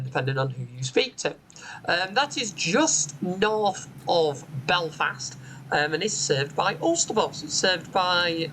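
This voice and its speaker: The audio is poor with slight background noise as a bus simulator host, medium-pitched and sharp in tone, gives chatty, explanatory gameplay commentary. He records from a home room with a window onto a street and says "um" frequently.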